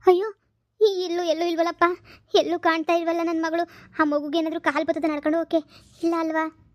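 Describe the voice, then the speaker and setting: A woman voicing a young village mother in a cartoon comedy, frantic and quick-tempered, wailing and scolding. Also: extremely high pitch, flat delivery, darkish tone, dry recording, clean studio sound. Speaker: mother of two baby daughters.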